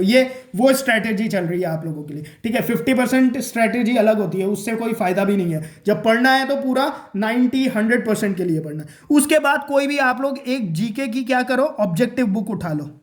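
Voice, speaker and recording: A man giving a casual exam-prep lesson, repeating his points and checking in with "okay?" and "clear?". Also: high-pitched, fairly quick, few pauses, roomy sound. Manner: repeats points, addresses viewers as guys and friends.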